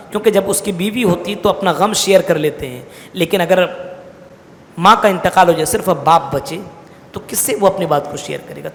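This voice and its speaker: A high-pitched male preacher giving a Quran commentary, his voice carrying a long echo through a mosque hall. He recites verses slowly, then explains them to his listeners, calling them his brothers. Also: fairly bright tone. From India. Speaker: Islamic preacher.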